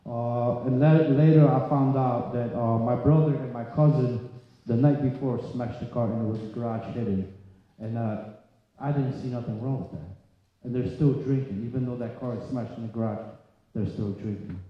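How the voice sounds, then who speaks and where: Speaking in a steady, medium-pitched voice, this man from Poland, whose first language is Polish and who is in his 30s or 40s, tells a recovery meeting about his life. His delivery is halting and plain, broken into short phrases. The hall is very echoey, with long reverb and a somewhat dull sound.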